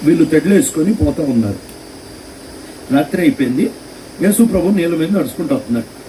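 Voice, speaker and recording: Guy preaching a sermon, kinda high mellow voice, off mic w faint ac hum. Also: quick pace, distant mic, low-quality recording. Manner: animated storytelling with rhetorical questions. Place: meeting hall.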